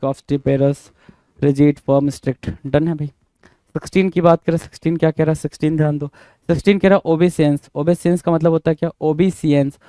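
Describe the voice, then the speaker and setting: A man's voice: fairly high pitch, mellow, no room sound. A man with an Indian accent teaching English vocabulary for an exam. He repeats each word, spells it out letter by letter, and keeps quizzing his students. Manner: repetitive, spells words letter by letter, quizzes listeners. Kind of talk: exam-prep vocabulary lesson.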